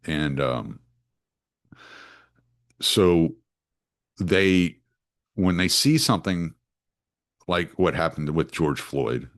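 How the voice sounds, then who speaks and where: A man's voice: extremely low pitch, animated, very slow, pauses often. A man, hosting a solo podcast in a rambling, casual way full of restarts and fillers. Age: 40s. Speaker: podcast host.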